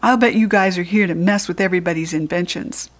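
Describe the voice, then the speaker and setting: A woman's voice: on the low side, fast talker, lightly acted. A woman voicing a proud, suspicious brainy schoolboy inventor in a children's storybook, pedantic and showing off. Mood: wary.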